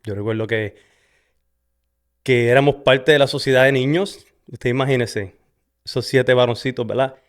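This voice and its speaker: A middle-aged Puerto Rican man tells his life story on a faith podcast, relaxed and conversational, his voice at a mid pitch. He keeps checking in with the listener and drops the odd English "so" between sentences. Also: normal speed, long pauses. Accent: Puerto Rican Spanish. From Puerto Rico. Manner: conversational, frequent "¿verdad?" and Spanglish "so". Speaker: podcast host. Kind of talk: personal testimony, casual storytelling. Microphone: studio camera setup.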